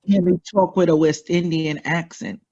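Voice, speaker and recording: A man's voice: a little high, fairly even intonation, normal speed, dark tone, breathy edge, dull audio. A man with a Trinidadian accent, a guest talking bluntly and casually, swearing freely. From United States. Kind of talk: casual interview talk.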